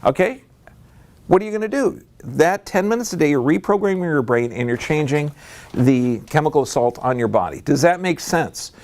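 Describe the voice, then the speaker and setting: A man giving a talk to a live audience in a room, speaking emphatically and leaping up in pitch to stress a point. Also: expressive, normal speed, darkish tone.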